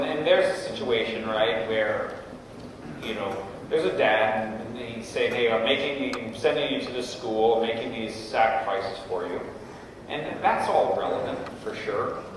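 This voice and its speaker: Speaking a little slowly in a mid-range voice, a middle-aged man gives a conversational, story-filled talk to parents in a school auditorium, frequently checking in with "right?". He is the session's guest speaker, heard through a far-off room mic in a noisy, echoing hall.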